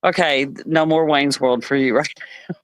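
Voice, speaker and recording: A woman telling family stories in a casual live chat, animated and laughing often. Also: sits low, normal speed, no echo. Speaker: live stream co-host.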